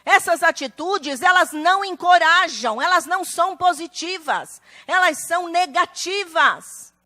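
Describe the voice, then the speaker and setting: Slow high-voiced woman pastor preaching. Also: expressive, bright, forceful tone. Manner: emphatic, acts out quoted family members. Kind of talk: sermon. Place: church.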